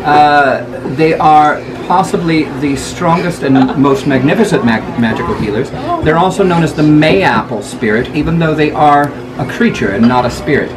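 A middle-aged man improvising fantasy lore as master of a fair ceremony, theatrical and mock-indignant, with halting delivery. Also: fairly high pitch. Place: open-sided wooden booth in the woods at a fair. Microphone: camera a few steps away. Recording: noisy, distant outdoor camera recording. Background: loud ambient fairground noise.

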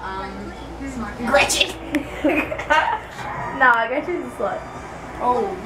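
A woman's voice: fairly high pitch, expressive, very slow, distant mic, noisy background. Young woman, visiting friend, giggly and teasing, off-mic in a roomy space. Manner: giggly, joking, playful. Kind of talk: casual chat.

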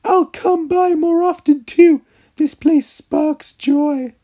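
A man voicing a perky young woman customer in a cafe game, in a squeaky falsetto with exaggerated sweetness. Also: fairly even intonation, slow pace, warm tone. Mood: chirpy.

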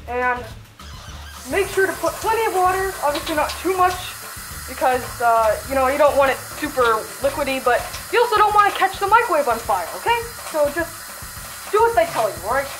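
Woman, high voice, jokey cooking host, echoey kitchen, faint music behind. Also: lively intonation, normal speed, background noise. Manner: jokey, chatty, mock-instructional. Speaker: channel host cooking in fursuit. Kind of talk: playful cooking tutorial. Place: home kitchen.

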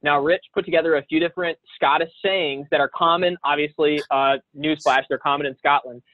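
A man's voice: on the high side, fairly even intonation, brisk, dry recording. A man hosting a casual chat show, joking and laughing as he rambles. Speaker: host. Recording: dry, tinny phone-like sound.

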